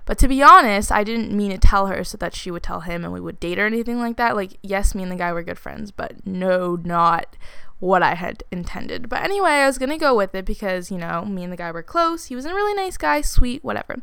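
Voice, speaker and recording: A woman's voice: medium pitch, animated, fairly quick, creaky, pushed and bright, clean tone, no room sound. A woman in her twenties telling a personal story in a casual, chatty way, with lots of "like" fillers and laughs slipped in. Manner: chatty, many "like" fillers, laughs while talking.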